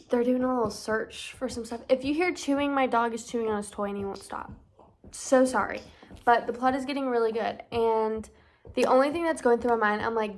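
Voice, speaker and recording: A woman's voice: fairly high pitch, poor audio. A young woman in her twenties giving chatty, gushing reading updates in a casual vlog. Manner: gushing, chatty, lots of fillers. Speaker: book vlogger.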